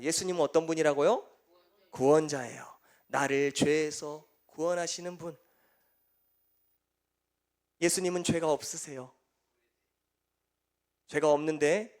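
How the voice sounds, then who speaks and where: A young man preaching a sermon to a congregation. He keeps asking the listeners questions and then answers them himself, dropping soft and low on the key answers. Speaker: evangelist preaching.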